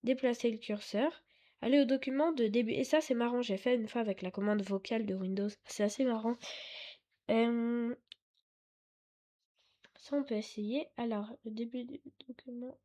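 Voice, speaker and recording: A woman's voice: a little high, steady tone, normal speed, warm tone. A woman hosting a casual computer tutorial, hesitant and apologetic, full of fillers and self-corrections, at her computer with a desktop mic she sometimes drifts away from. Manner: apologetic and chatty. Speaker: tech tutorial host. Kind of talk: casual screen-recorded tutorial. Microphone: desktop mic, sometimes too far away.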